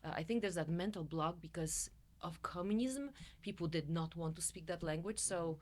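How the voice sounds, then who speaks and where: A woman's voice: fairly low pitch, normal speed, a little mellow. A middle-aged woman from Poland with a Polish accent, a guest talking expressively in an interview and laughing often. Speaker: guest, coach and musician. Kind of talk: interview conversation.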